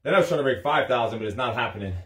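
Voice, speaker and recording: Guy in his forties chatting casually while he does push-ups, tired, medium pitched voice. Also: animated, rapid-fire. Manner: talking while doing push-ups, physically exerted. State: tired from long exertion. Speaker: personal trainer doing a fitness challenge. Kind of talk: casual livestream chat. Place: small carpeted home office, indoors. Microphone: phone on a stand a step or two away.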